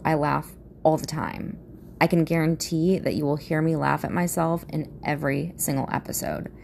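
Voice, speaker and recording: A woman of thirty with a low voice and plenty of vocal fry. She has a Midwestern American accent and talks like a valley girl. She hosts a casual solo podcast, speaking naturally into a phone. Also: slight background noise. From Midwestern US, suburbs of Chicago. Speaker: podcast host.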